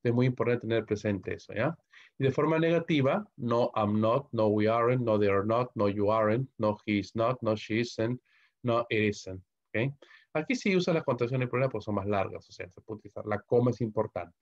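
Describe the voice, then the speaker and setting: A Peruvian man with a Peruvian Spanish accent and a lowish voice teaches English grammar at a moderate pace in a recorded online lecture, stopping often to ask "¿ok?". The audio is muffled and lo-fi.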